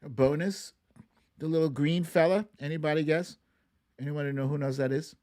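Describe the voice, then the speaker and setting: A man with a slightly high, darkish voice and fairly even intonation talks a little fast while hosting a live song-guessing game online. In a casual, playful way, he reads out viewer names and chats informally with his audience, chuckling between remarks.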